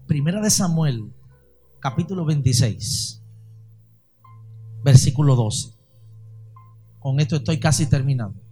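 A man's voice: on the high side, expressive, measured pace, long pauses, warm tone, breathy edge, faint music behind. A man preaching a sermon to a congregation, reading scripture and asking the listeners emphatic rhetorical questions.

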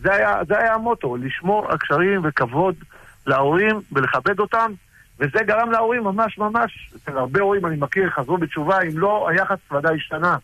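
A middle-aged man casually recounting personal stories about his rabbi, halting with frequent restarts. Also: sits high, expressive, no room sound, lo-fi sound. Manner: halting, with many restarts and fillers. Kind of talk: casual storytelling.

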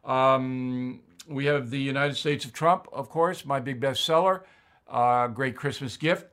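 A man's voice: mid-range voice, a little slow, fairly bright tone. A man hosting an opinion commentary show, talking bluntly and conversationally with frequent fillers.

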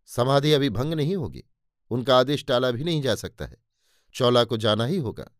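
A man voicing a composed woman attendant, firm and steady, in a storybook reading. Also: mid-range voice, normal speed, dry recording, clean studio sound, close to an everyday voice.

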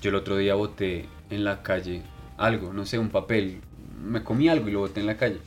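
A fairly low-voiced man, co-hosting a casual podcast chat. He tells stories in a crude, animated way and swears freely. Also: a little fast, soft background music. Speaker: podcast co-host.

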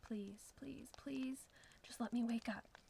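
A woman reading the lines of a frightened young wife facing her abuser, often pleading in breathy whispers. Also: fairly high pitch, fairly even intonation, measured pace, a little hiss or hum, lightly acted.

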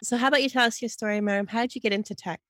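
A woman in her thirties hosting a podcast interview, upbeat and quick to laugh. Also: on the high side, steady tone, a bit bright, no echo, clean studio sound. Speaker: podcast host.

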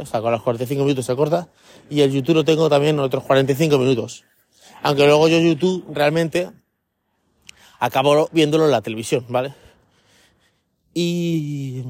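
A man's voice: medium pitch, a little mellow, dry recording. A man hosting a podcast in a casual solo monologue. He rambles and keeps checking in with his listeners, recorded while walking outdoors. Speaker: podcast host.

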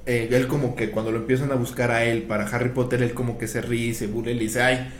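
A man's voice: mid-range voice, fast. A man, casually telling film anecdotes on a podcast and acting out the quoted dialogue. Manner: animated retelling, acts out quoted dialogue. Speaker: guest telling film history. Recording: echoey room, faint ambient noise.

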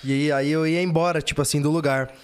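Fast excited storytelling man. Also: on the high side, clear, resonant tone. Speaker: actor guest. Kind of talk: casual chat.

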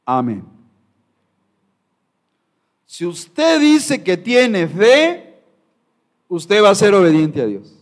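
A man's voice: sits high, huge pitch swings, very slow, pauses often. A male pastor preaching a sermon to his congregation, emphatic and full of rhetorical questions. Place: church sanctuary.

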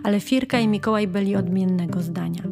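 A woman narrating a children's story in a gentle, clear storytelling manner. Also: mid-range voice, fairly quick, faint music behind. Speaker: audiobook narrator.

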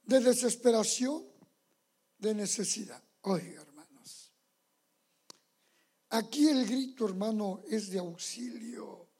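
Gravelly pastor preaching fervently. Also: male voice, sits high, slow pace, pauses often, dark tone. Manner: fervent, addresses listeners as brothers. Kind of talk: preaching sermon.

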